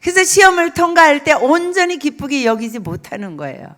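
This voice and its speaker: A middle-aged woman preaching a lively sermon, telling stories and acting out quoted speech, repeating phrases for emphasis. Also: high-pitched, brisk.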